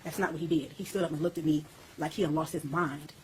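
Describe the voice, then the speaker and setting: A deep-voiced woman, a little mellow with fairly even intonation, talks fast in a recorded interview on poor audio with a slight hiss or hum. She speaks intensely and bluntly with coarse language, her voice climbing as she recounts.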